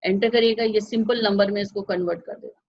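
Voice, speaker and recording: A woman's voice: mid-range voice, steady tone, fast, dull audio. A woman teaching a computer class, patiently walking through each step and checking that the class follows. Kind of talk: step-by-step software lesson.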